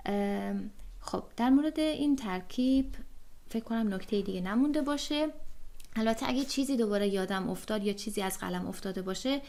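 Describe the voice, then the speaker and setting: A woman's voice: medium pitch, darkish tone. A woman teaching German pronunciation in an online lesson, explaining patiently step by step with frequent fillers.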